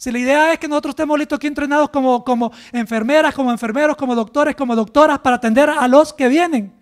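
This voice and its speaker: Very high-voiced man preaching. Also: fast. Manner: emphatic, rhetorical questions to the congregation. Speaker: pastor. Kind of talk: sermon.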